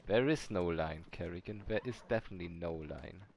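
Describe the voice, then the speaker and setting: A man's voice: sits low, brisk, vocal fry, darkish tone, lo-fi sound, a little hiss or hum. A man casually commenting while speedrunning a game, chatting with viewers and shrugging off his own mistakes. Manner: chatty, answers chat, self-deprecating about mistakes. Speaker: speedrunner streamer.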